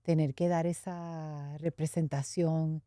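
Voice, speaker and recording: This interview guest, a middle-aged woman from Puerto Rico with a Puerto Rican Spanish accent, takes her time giving a conversational testimony about her past. She speaks candidly and thoughtfully in a low, mellow, level voice, laughing lightly at times, and the recording is dry and close.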